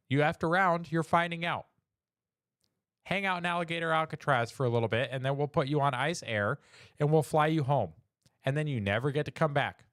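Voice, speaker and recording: A man with a slightly high voice hosts a weekly news livestream, chatting with viewers and mocking them in a sarcastic way. The recording is dry and studio quality, and his casual commentary is aimed straight at the chat.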